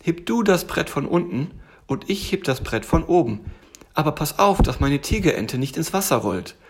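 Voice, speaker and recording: A man puts on a small male tiger cub who gushes with wide-eyed delight at everything. The voice sits higher than plain talk and carries a husky grain. It is read as a cozy bedtime storybook. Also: very animated, normal speed. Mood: busy.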